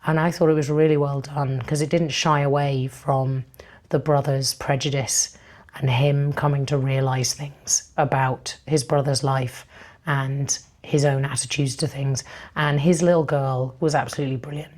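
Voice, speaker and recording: A woman chatting casually about books in a vlog, rambling with ums, her voice breathy and fading as she loses it. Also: very deep voice, level tone, normal speed, darkish tone. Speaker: book vlogger. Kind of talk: casual book review vlog.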